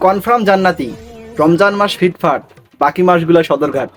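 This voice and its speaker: With a Bangladeshi accent and a somewhat high voice, this channel host moves briskly through scripted, teasing commentary on memes, poking fun as he goes. Soft background music accompanies him.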